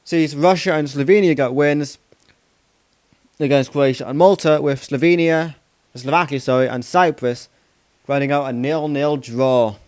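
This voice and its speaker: On a football channel, a man with a highish, unhurried voice recaps results casually; his tone is darkish and smooth, with no room sound. The talk rambles, leans on "of course" again and again, and keeps breaking off for corrections.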